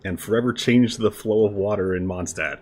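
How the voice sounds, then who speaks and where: A man's voice: lowish voice, fairly quick, a little mellow. A man streaming a game, giving casual commentary with dry, wry asides. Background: music.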